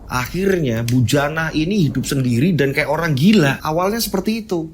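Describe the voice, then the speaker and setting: A man's voice: a little high, lively intonation, normal speed, a little hiss or hum. A man telling a horror story in a casual, conversational way, often repeating himself. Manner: conversational, repetitive.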